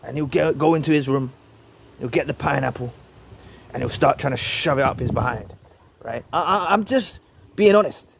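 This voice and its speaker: A man's voice: medium pitch, normal speed, creaky, background noise. A man giving a heated, preachy commentary monologue. He repeats his phrases and ends his points with "right?". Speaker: vlogger responding to another video.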